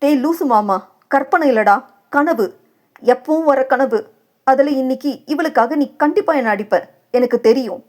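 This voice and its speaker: A woman voicing a quick-tempered, jealous young wife who is a lawyer, scolding and teasing her husband. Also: sits high, darkish tone, natural voice. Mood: sulky.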